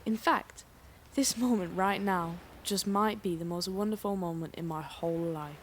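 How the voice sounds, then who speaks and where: A young actress playing an earnest, kind-hearted teenage girl in an audio play, gentle and wistful. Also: medium pitch, normal speed, a little hiss or hum, natural voice. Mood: dreamy. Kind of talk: youth theatre audio play.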